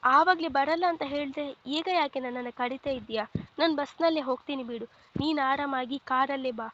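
A woman voicing a feisty, sharp-tongued young wife in a storybook reading, with pert, quick retorts. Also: sits high, dull audio, a little hiss or hum. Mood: irritated.

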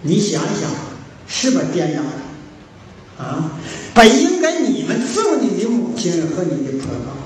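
A man's voice: high-pitched, wildly swooping pitch, moderate pace. A man with a Northeastern Mandarin accent tells stories in a folksy moral sermon, acting out the dialogue with broad animation. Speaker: moral teacher lecturing at a forum. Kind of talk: storytelling folk sermon. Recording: very echoey hall, distant mic, faint hiss.

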